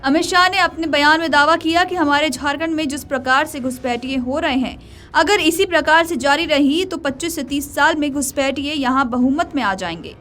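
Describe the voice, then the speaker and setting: A woman's voice: high voice, moderate pace, a bit bright. A woman reading a scripted news report as a video news presenter. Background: faint music.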